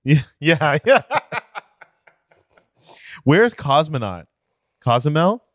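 A man's voice: a little high, very animated, slow pace, no echo, studio quality. A man co-hosting a casual podcast, laid-back, mostly giving short agreeing replies and jokes. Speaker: podcast co-host. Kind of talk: casual chat.

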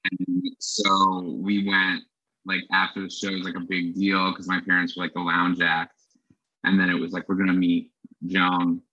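A man guest telling a story in a casual chat, halting with many fillers. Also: sits low, completely flat delivery, bright, forceful tone. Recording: dull lo-fi sound.

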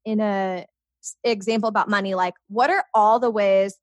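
A young woman in casual conversation, upbeat and animated, talking with lots of fillers. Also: medium pitch, moderate pace, no room sound. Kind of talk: casual chat.

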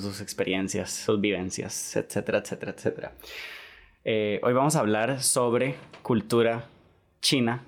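Man, podcast host, lowish pitch, chatty, repeats tag questions. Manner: chatty, repeats himself, lots of "¿verdad?". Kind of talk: casual podcast chat.

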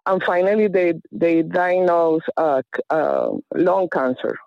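A woman calling in to a radio show over a phone line, speaking in a hesitant, halting way with many fillers. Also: fairly low pitch, gravelly, no room sound. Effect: caller heard over a phone line. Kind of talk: phone-in conversation. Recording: dull phone-line sound.

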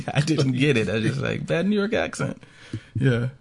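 A man's voice: mid-range voice, very animated, measured pace, creaky, breathy edge. A man co-hosting a casual podcast, joking and laughing as he reacts to his partner. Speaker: podcast co-host.

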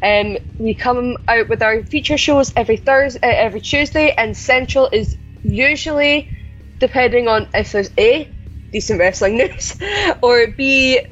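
A woman's voice: on the high side, measured pace, a bit bright, highs cut off, faint music behind. A Scottish woman hosting a podcast in a conversational style. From Scotland. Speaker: podcast host.

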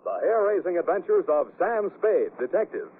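A male radio announcer in a 1940s broadcast, giving formal, emphatic introductions and sponsor pitches with old radio broadcast sound. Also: big pitch swings, normal speed, a little hiss or hum. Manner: formal, emphatic sales delivery. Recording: tinny 1940s radio broadcast with faint music.

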